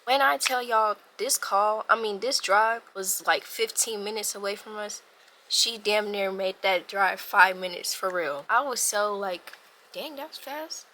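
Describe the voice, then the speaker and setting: Young woman, vlogger, storytime, animated, slangy, bright forceful voice. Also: medium pitch, unhurried, a little hiss or hum. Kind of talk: storytime vlog.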